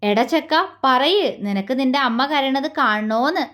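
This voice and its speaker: A young male doctor with a teasing, mocking edge, put on by a woman reading a romance story. He slips into cooing baby talk and then scornful jabs, all in a high voice. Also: animated, normal speed, a bit bright. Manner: playful baby talk turning to scornful taunts.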